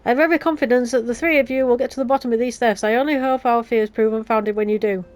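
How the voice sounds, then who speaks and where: Long-winded, earnest lady leader for a fantasy game, a woman reading, raised pitch, music beneath. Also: steady tone, quick pace, a little mellow, natural voice. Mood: grave. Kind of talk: video game dialogue read aloud.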